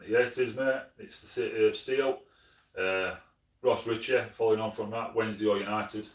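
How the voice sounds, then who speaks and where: A middle-aged man with a Sheffield Yorkshire accent, casually answering live chat as host, relaxed and full of fillers and restarts. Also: fairly low pitch, normal speed, distant mic. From Sheffield, England. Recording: roomy, from off the mic.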